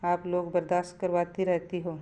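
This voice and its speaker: A woman's voice: lowish voice, completely flat delivery, normal speed, mellow, lightly acted. A woman voicing a young daughter-in-law who firmly and resolutely refuses to give in. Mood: defiant. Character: defiant young daughter-in-law, long patient, now standing firm.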